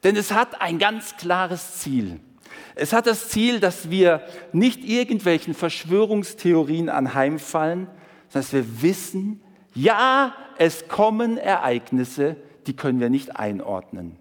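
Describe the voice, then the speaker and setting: A man preaching a sermon, emphatic, rising and dropping his voice and slowing down for quoted scripture. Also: a little high, very animated, big-room sound. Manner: emphatic, swings between raised and hushed tones, slows for quoted scripture.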